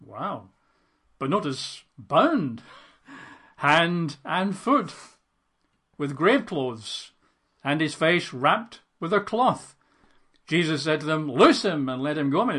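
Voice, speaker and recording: A man's voice: fairly high pitch, a bit bright. A man teaching from the Bible, reading the passage aloud and breaking off into conversational commentary with fillers and asides. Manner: conversational asides with fillers, dramatizes quoted lines.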